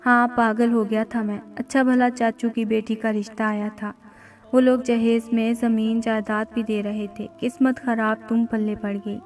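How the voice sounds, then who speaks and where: A woman's voice: fairly high pitch, level tone, normal speed, a little mellow, close to an everyday voice. A woman voicing a young husband who speaks in a curt, scolding way. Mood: harsh. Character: young husband growing harsh and greedy.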